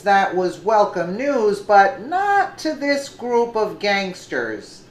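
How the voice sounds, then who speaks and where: A woman hosting a news commentary segment, reading her script deliberately and correcting herself now and then. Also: medium pitch, reverberant, rough recording. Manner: slow, deliberate reading with an occasional self-correction.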